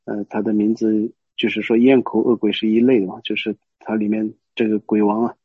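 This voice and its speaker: Husky-voiced man giving a Buddhist teaching. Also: fairly low pitch, level tone, no room sound. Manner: hesitant, many pauses and restarts, explaining as he goes. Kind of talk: Buddhist teaching told as a story. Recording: dull lo-fi recording.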